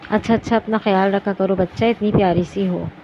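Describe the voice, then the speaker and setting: A woman reading the lines of an affectionate middle-aged aunt in an audiobook, gentle and doting. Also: medium pitch, steady tone, brisk, close to an everyday voice. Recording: dull lo-fi recording with background noise.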